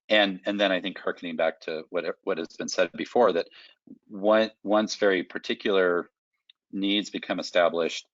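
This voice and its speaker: A man answering as a panelist on a webinar, speaking in a halting way with many pauses and restarts. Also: low voice, no room sound. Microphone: video call. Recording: dull lo-fi video call audio.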